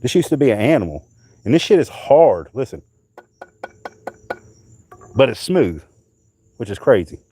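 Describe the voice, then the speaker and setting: A middle-aged North Carolina livestreamer does a casual show-and-tell of things he found outdoors on a hot summer night, swearing as he rambles. His mid-range voice is mellow and slightly rough, a little slow, with big pitch swings and frequent pauses.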